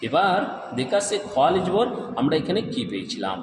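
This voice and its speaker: A man with a high voice gives a step-by-step Quran letter-reading lesson, briskly asking questions and answering them himself while drawing out syllables in a sung way. His pitch swings widely, and the echoey room adds long reverb plus a little hiss or hum.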